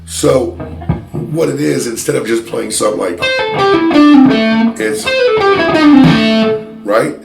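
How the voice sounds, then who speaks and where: A man teaching a guitar lesson in a chatty, self-deprecating way, pausing to play examples. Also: medium pitch, creaky. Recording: roomy sound with loud guitar playing. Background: electric guitar playing.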